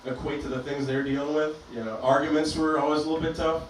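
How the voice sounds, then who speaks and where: A man from Albania doing a stand-up comedy set in a club with a deadpan, self-deprecating delivery. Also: on the high side, fast talker, very echoey, recorded from a distance, slight background noise, low-quality recording. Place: comedy club stage, performing to a live audience.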